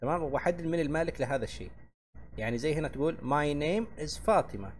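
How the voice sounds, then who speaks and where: A man's voice: fairly high pitch, animated. Guy explaining english grammar, keeps asking tamam?, faint hiss behind him. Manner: checks in with a frequent "tamam?" and repeats each point slowly; reads English examples slowly, then translates. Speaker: English teacher. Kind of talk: grammar lesson explained in Arabic.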